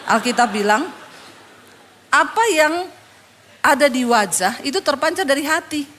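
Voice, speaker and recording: A woman pastor preaching a sermon, telling a story with animated, acted-out dialogue. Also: high voice, measured pace. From Indonesia. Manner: animated, acts out both sides of a conversation.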